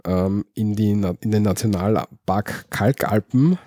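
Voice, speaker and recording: A man's voice: fairly low pitch, measured pace, mellow, dry recording. A man with an Austrian accent, chatting easily as co-host of a podcast and explaining dialect words. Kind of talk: casual podcast chat.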